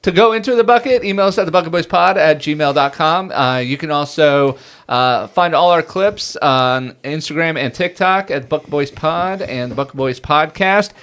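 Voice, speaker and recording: A man's voice: a little high, moderate pace, a bit bright, clear, resonant tone. A man hosting a podcast in casual, joking banter with his co-host, laughing often.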